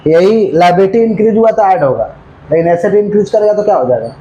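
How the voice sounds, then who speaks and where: A male commerce teacher giving a classroom lecture, asking the class again and again if they follow, and slowing right down to dictate. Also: high voice, lively intonation, dark tone, muffled recording. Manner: repeatedly checks understanding with questions; dictates slowly, then rattles off explanations.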